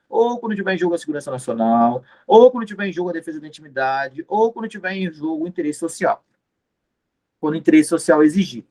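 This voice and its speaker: A man giving an exam-prep law lecture, explaining step by step, repeating key terms and answering his own questions. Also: high voice. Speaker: law teacher.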